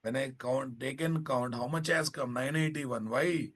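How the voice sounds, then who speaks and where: A man's voice: mid-range voice, a little slow, breathy edge. A man with a Telugu Indian accent teaching a live technical class as an instructor, bluntly, repeating phrases and asking rhetorical questions. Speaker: programming instructor.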